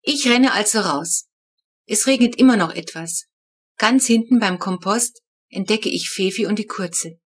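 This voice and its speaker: A woman reading a children's storybook aloud, telling the story in a lively first-person voice. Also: mid-range voice, measured pace, breathy edge. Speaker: audiobook reader.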